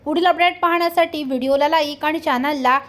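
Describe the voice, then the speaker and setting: A woman recaps a TV serial episode, telling it step by step in a plain storytelling voice. Her voice sits high and light, and she reads the characters' lines aloud as she goes. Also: fairly quick. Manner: steady retelling, reads quotes aloud.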